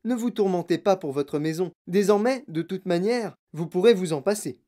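Brief: eccentric old candy maker, brisk and emphatic, a man reading him in a storybook. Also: high voice, dark tone, lightly acted. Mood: excited. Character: eccentric excitable old male chocolate maker. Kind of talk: audiobook character reading.

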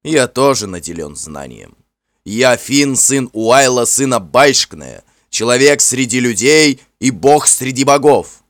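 A man voicing a proud, warm-hearted warrior chief who speaks in forceful, ringing declarations in a storybook reading. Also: mid-range voice, expressive, takes it slowly, dry recording, clean studio sound, voice pushed up. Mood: vehement.

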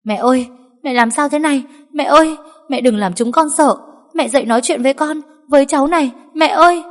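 A woman's voice: a little slow, lightly acted. A woman voicing a scheming, foul-mouthed young pregnant wife who snaps scornfully and wails in a put-on way. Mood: shrill wailing. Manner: sharp, scornful snapping, shrill fake wailing. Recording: long hall reverb.

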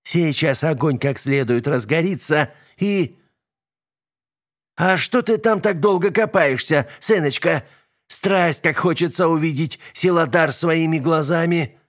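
Man putting on a shrill bossy witch mother. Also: measured pace, lightly acted. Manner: shrill, commanding, gloating. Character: scheming boastful middle-aged witch mother, bossy.

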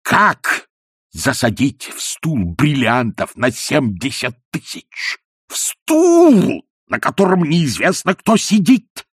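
A man voicing a fussy middle-aged male clerk who bursts into shrill, shouting rage. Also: animated, a little fast, vocal fry, breathy edge, dry recording, clean studio sound, full character voice. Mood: furious shouting.

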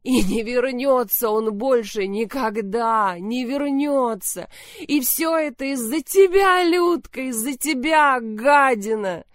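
A woman voicing a fragile, spoiled young woman who is shrill and shrieking, in a narrated story. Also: very animated, normal speed, no room sound, studio quality, lightly acted. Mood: hysterical. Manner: shrill, shrieking and sobbing lines.

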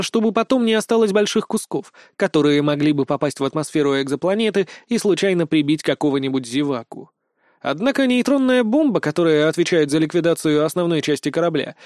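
Guy narrating an audiobook in first person, lively and a bit ironic, dry close sound. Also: a little high, no echo.

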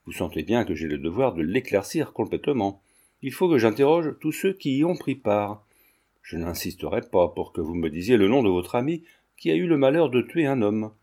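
A man voicing a principled investigating judge who speaks in a formal, measured way, in a storybook reading. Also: on the low side, sing-song, mellow.

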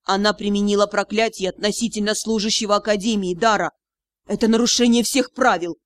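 A woman reading the part of a strict, quick-tempered female captain in an audiobook, with a sharp, scolding delivery. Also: medium pitch, fairly even intonation, no echo, lightly acted. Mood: indignant.

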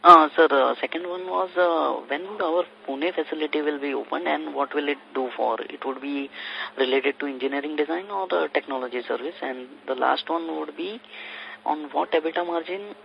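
A man's voice: on the high side, normal speed, gravelly. A man asking questions as an analyst caller, hesitant and deferential. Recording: muffled phone line, faint noise.

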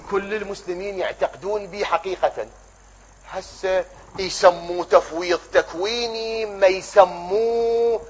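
Iraqi preacher, high and bright, rhetorical questions, faint hiss behind. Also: male voice, rough recording. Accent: Iraqi Arabic. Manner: rhetorical questions answered by himself, rises to emphatic shouts. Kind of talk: religious lecture.

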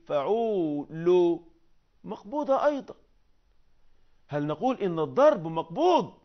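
Lively high-pitched older man chanting verse meter. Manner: chants syllables and verse in drawn-out sung tones; declaims poetry with rising force. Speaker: prosody teacher. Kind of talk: recorded lecture on Arabic meter. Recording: dull lo-fi audio recording.

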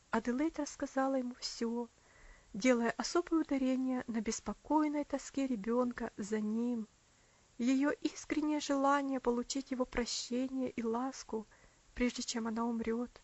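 A woman narrating an audiobook in a measured, expressive reading voice. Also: sits high, no room sound. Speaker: audiobook reader. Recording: dry, slightly muffled.

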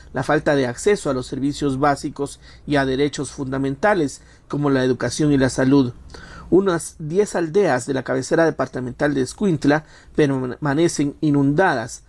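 Guy reading the radio news, kinda high voice, steady and formal. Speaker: news correspondent. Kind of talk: news report.

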